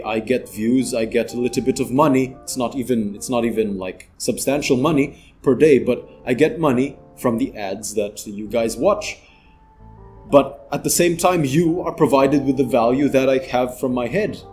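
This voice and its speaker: A man delivers a motivational vlog monologue. He talks like an earnest big brother passing on advice. His tone is mellow and relaxed, with faint music playing behind him. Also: mid-range voice. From Philippines. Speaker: channel host.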